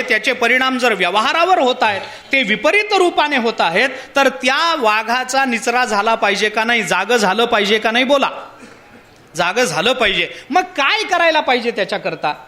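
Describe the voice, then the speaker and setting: A man giving a devotional discourse, telling a parable and putting rhetorical questions to his listeners. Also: extremely high pitch. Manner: poses rhetorical questions to the audience; animated storytelling with parable. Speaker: spiritual discourse speaker.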